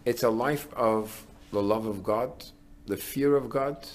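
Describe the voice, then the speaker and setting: A middle-aged male rabbi delivers a sermon in a voice of ordinary pitch for a man. He talks earnestly and builds up to emphatic declarations. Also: slow.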